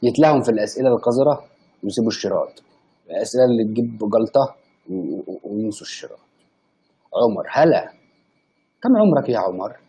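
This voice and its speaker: Man, Egyptian accent, late twenties, live stream chat, very lively pitch, excitable protests. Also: fast, long pauses, breathy edge, low-quality recording. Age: late 20s. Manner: excitable, bursts into high-pitched indignant protest. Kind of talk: live stream chat reading viewer comments.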